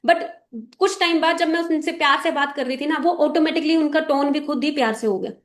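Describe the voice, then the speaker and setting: A high-voiced woman, a team leader at a business meeting, coaches her sales team with a fairly quick motivational talk. She's direct and instructive, often checking that her listeners understand.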